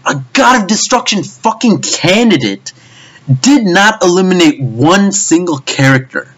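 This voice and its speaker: Lively, swearing man ranting. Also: high-pitched, breathy edge. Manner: frustrated, stammering, swears often. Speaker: anime reviewer. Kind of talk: profane ranting review.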